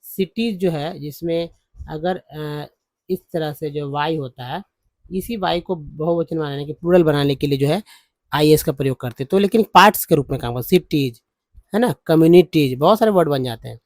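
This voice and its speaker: A man teaching English spelling and pronunciation from slides, repeating syllables slowly and calling viewers friends. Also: a little high, dry recording. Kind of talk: slide-based phonics lesson.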